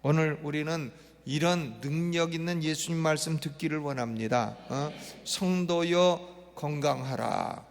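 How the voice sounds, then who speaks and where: A middle-aged male pastor preaching an expository sermon, emphatic and repetitive, prodding the congregation with quick questions. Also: a little high. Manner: emphatic, repeats phrases, prompts the congregation with "eh?". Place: church sanctuary. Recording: long church reverb.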